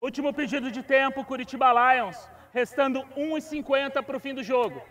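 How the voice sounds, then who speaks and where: A man's voice: very high voice, normal speed, fairly bright tone, recorded from a distance. A Brazilian man making short, formal announcements of calls and time during a football game.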